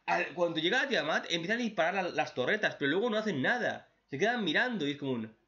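A man giving a profane, mocking casual recap of an anime episode, mimicking characters in shrill voices. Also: very animated, fast talker, pushed and bright, muffled recording. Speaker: anime reaction youtuber.

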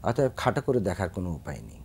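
A man's voice: low-pitched, huge pitch swings, fast talker, gravelly, darkish tone, a little hiss or hum. A man, a singer who is a guest on a Bangladeshi TV talk show, speaking earnestly about correct pronunciation, with a Bangladeshi Bengali accent. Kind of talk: studio interview.

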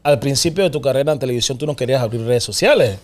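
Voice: medium pitch, animated, racing, darkish tone. A co-host of a casual talk show, asking questions and chiming in with agreement. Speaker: podcast co-host. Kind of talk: casual interview chat.

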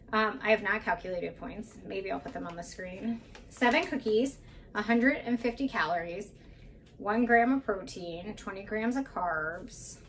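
A woman's voice: mid-range voice, distant mic, slight background noise. Chatty woman vlogging from her kitchen. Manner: chatty, candid, self-deprecating asides. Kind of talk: casual grocery haul chat. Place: home kitchen, indoors. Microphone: camera mic at a few feet.

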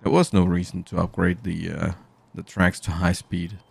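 Guy rambling on his game stream, really low voice, bit of fry in it. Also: little pitch movement, normal speed, no room sound. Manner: rambling, chatty, talks to his viewers. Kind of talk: casual live game stream. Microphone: studio mic through an audio mixer.

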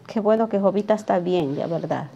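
A woman's voice: mid-range voice, fairly quick, gravelly, mellow, lo-fi sound, slight background noise. A woman giving a live sewing lesson while drafting a pattern at a table, chatting with viewers by name and checking in with frequent questions. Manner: chatty, talks to viewers by name and asks "¿sí?" often. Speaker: sewing teacher. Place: sewing workshop, at a cutting table.

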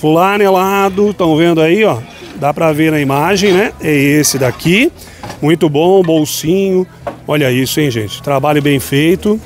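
A man with a slightly high voice hosts a market vlog. He walks along a busy outdoor street at night, filming on a handheld phone. He keeps up a chatty, upbeat patter aimed at his viewers. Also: unhurried, soft background music. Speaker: shopping vlogger touring a street market. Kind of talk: walking market vlog with vendor chat. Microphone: handheld phone camera.

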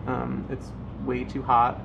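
Young man, creaky voice, casual home tour narration, wry asides, open window, faint passing truck noise. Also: medium pitch, completely flat delivery, slow pace. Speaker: houseplant vlogger. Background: passing truck traffic noise.

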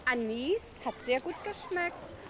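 An older woman recounting a long meal, halting and searching for words. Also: high voice, animated, a crowd in the background. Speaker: passerby recounting a dinner.

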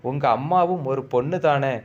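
A man's voice: mid-range voice, moderate pace, muffled recording, natural voice. A man voicing a frightened young village woman who pleads and begs through tears. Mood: pleading, tearful. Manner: tearful begging.

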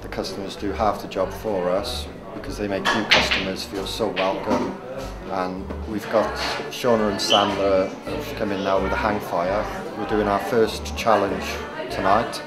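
A man's voice: fairly low pitch, level tone, a little slow. A man giving a casual interview as a pub landlord. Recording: loud music behind.

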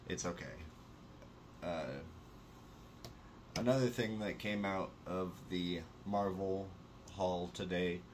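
Low-voiced, with a little hiss or hum on the recording, a young adult man hosts a casual sit-down news chat. This vlogger speaks from a small bedroom indoors, with the camera close to his face. He's chatty and enthusiastic, packing his talk with fillers.

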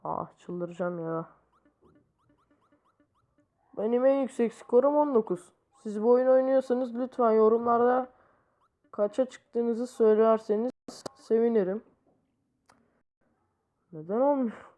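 A woman's voice: fairly high pitch, steady tone, normal speed, long pauses, muffled recording. A woman hosting a gaming channel, giving casual commentary as she plays and breaking into exasperated exclamations. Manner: exasperated exclamations while playing.

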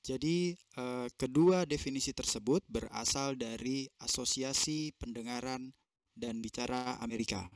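A man's voice: mid-range voice, measured pace, no room sound, clean studio sound. A man giving consecutive interpretation of a seminar over a video call, translating phrase by phrase with fillers and self-corrections.

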